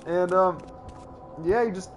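A young man giving casual, slangy gameplay commentary, excitable and full of playful mock bravado. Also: high voice, slow pace. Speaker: let's play gamer. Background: video game music and sounds.

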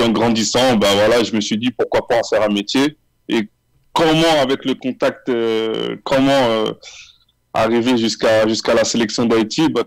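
A French man in his thirties answers interview questions over a video call, speaking calmly and with plenty of hesitations. His voice sits at an ordinary middle pitch. The sound is dry, picked up close by his earphone mic in a small room. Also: no echo, low-quality recording. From France. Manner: relaxed, measured, many fillers. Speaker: guest, footballer. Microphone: earphone headset on video call.

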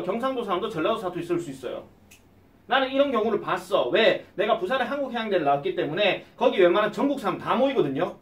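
A male English teacher, giving an exam-prep lecture and quizzing his students with quick questions. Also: sits high, echoey room, recorded from a distance.

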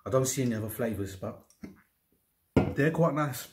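A man in his thirties giving casual eating commentary in short remarks with pauses, talking as he eats. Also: medium pitch, background noise. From United Kingdom. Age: 30s. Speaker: mukbang vlogger. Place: indoors in a home kitchen-diner. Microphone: camera on the table at about arm's length.

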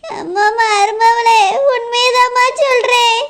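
A woman's voice: very high voice, flat delivery, takes it slowly, fairly bright tone, a little hiss or hum, exaggerated voice. A woman with a Kanyakumari Tamil accent voicing an older village mother who wails in a sing-song lament. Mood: tearful pleading. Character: older village mother wailing over a runaway daughter. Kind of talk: village comedy-drama acting.

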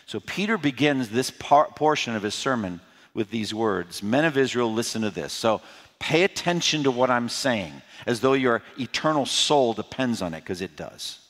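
A man preaching an expository sermon as pastor. He swings between loud, rising emphasis and quiet, pleading appeals. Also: very animated, normal speed. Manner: impassioned preaching, rising loud on key points and dropping low to plead. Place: church sanctuary. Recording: long hall reverb.

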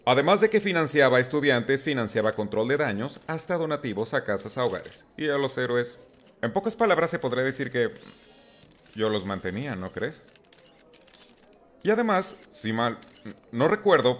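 A man's voice: on the high side, pitched below the performer's own voice. A man voicing a glib, cocky billionaire superhero in a comic film parody, smug and sarcastic. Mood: defiant, sardonic.

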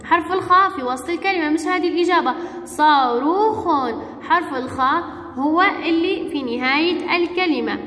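A woman teaching young children the alphabet, speaking slowly and patiently and repeating each word. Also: very high-pitched, bright, forceful tone. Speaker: kindergarten teacher. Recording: echoey room with long reverb.

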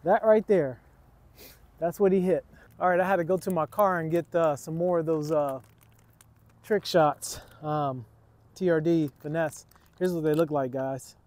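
Unhurried and steady, with long pauses, the middle-aged host speaks in a fairly high, darkish voice. He's hosting an outdoor fishing vlog from a waterfront dock, chatting casually and calling viewers "guys." The camera is tripod-mounted, occasionally handheld for selfies.

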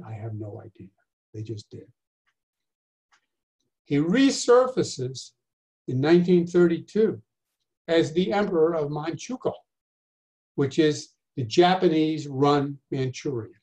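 An older man teaches over a video call, his voice sitting a little high for a man. He is chatty and wry, asking rhetorical questions and tossing in dry asides as he walks through his notes. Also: warm tone. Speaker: instructor. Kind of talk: lifelong learning history lecture over video call.

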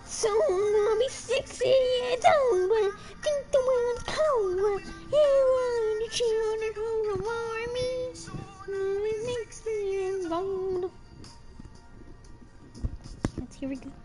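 A young woman livestreaming, singing along to a song and then chatting with her viewers. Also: extremely high pitch. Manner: sings along to music, then chats quickly with viewers. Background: music playing.

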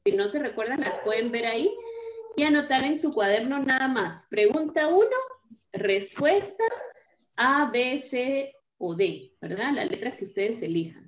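A woman's voice: fairly high pitch, reverberant, dull audio, slight background noise. A woman teaching a primary school class online. She explains things patiently, step by step, and keeps checking in with her pupils.

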